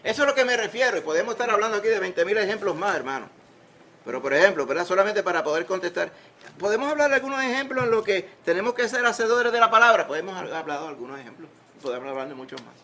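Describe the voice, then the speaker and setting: Racing along in a high, pushed, bright voice, a Puerto Rican pastor preaches in a church sanctuary with slight background noise behind him. The sermon is conversational, playful, and full of rhetorical questions.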